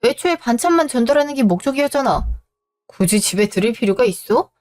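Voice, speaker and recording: A woman's voice: a little high, lively intonation, quick pace, a little mellow, soft background music, natural voice. A woman voicing a rude, irritable middle-aged husband in a scripted audio drama. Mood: scornful. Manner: blunt and scornful.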